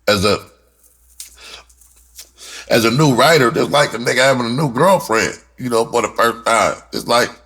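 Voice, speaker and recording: A middle-aged American rapper and writer tells his personal story casually and candidly, swearing freely and repeating words for emphasis. His mid-range voice is husky and fairly bright, at a normal speed with frequent pauses, and the audio is poor.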